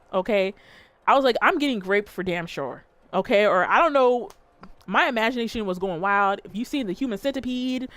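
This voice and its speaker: A woman streamer telling a story and chatting with her viewers, animated and full of swearing. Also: mid-range voice, dry recording. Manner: profane, animated, talks straight to chat. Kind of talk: casual livestream storytelling and chat.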